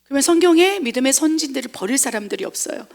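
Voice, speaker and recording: A woman missionary pastor preaching a lively sermon, acting out voices and asking the congregation questions. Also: high-pitched, racing, creaky. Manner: animated, acts out quoted voices; asks the congregation rhetorical questions.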